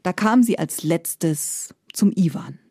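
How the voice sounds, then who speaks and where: A woman narrating a fairy tale, lively, acting out the characters' lines. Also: lowish voice, takes it slowly, slightly rough, no echo, studio quality. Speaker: storyteller.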